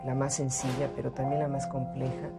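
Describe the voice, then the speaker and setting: A woman's voice: extremely low pitch, little pitch movement, a little fast, creaky. A Mexican woman, a dancer and choreographer, speaking thoughtfully in an interview, often restarting as she searches for words. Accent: Mexican Spanish. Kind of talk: reflective interview answer. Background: loud music.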